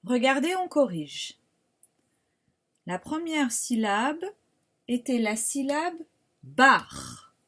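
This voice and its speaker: A woman primary school teacher with a French accent, giving a slow, patient syllable dictation in a remote phonics lesson, sounding out each syllable carefully. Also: high voice, very animated.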